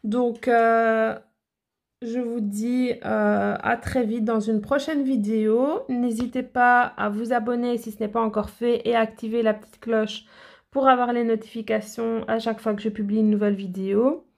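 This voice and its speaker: A woman's voice: a little high, steady tone, normal speed, gravelly, a little mellow. A woman nail educator talking in a chatty, enthusiastic way to her viewers in a casual product haul, with many fillers and restarts.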